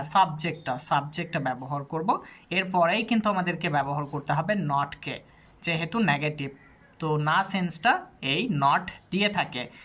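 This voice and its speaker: A patient tutor giving a scripted English lesson, building each sentence step by step and saying the examples slowly. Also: medium pitch, fairly bright tone. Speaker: English teacher.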